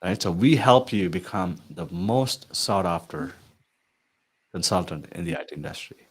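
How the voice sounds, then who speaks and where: In a deep, breathy, animated voice at a moderate pace, a man who coaches IT consultants promotes his offering to viewers. His tone is earnest and convincing, and "right?" keeps popping up at the end of his lines.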